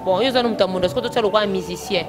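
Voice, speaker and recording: A woman's voice: medium pitch, rapid-fire. Congolese woman chatting over music. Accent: Congolese French. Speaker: fan discussing rumba music. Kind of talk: casual chat mixing French and Lingala. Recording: loud music playing behind.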